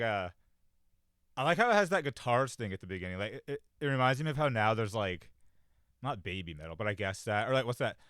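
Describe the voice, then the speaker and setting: A man with a lowish voice talks in a loose, rambling way and fills his sentences with fillers. His pitch jumps around a lot, and he stays offhand and pokes fun at himself. The sound is dry and close, with no room echo. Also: fairly bright tone, clean tone. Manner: rambling, many fillers, offhand and self-deprecating. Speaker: show host. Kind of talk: casual solo commentary.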